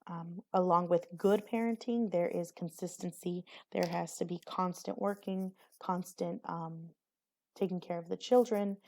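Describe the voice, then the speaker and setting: A woman's voice: fairly low pitch, fairly even intonation, a little slow, darkish tone. A young woman giving a recorded class presentation on a poem, hesitant, with many fillers and restarts. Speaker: student presenter.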